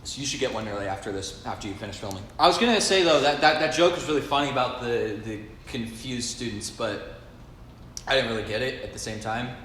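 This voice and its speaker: A young man barging into a comedy show, talking in a laid-back, goofy, deadpan way. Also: medium pitch, brisk. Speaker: interrupting guest. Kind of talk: comedic sketch banter. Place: campus show set. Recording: roomy echo, hall reverb, faint hiss.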